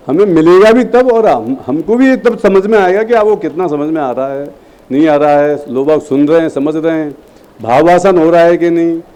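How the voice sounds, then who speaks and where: High-pitched guy teaching a class, warm darkish tone, keeps quizzing students, lively and pushy. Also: low-quality recording. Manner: lively, prodding, demonstrates phrasing aloud. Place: classroom at a training camp.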